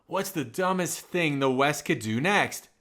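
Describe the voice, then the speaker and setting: A male comedy host in wry banter, setting up jokes and calling breaks. He speaks slowly with a bright, slightly raised voice. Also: a little high, animated.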